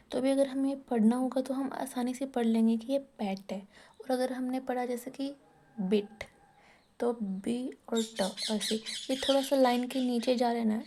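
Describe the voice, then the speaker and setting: A woman's voice: on the high side, dark tone. A woman teaching shorthand in a casual step-by-step lesson, asking and answering her own questions as she writes.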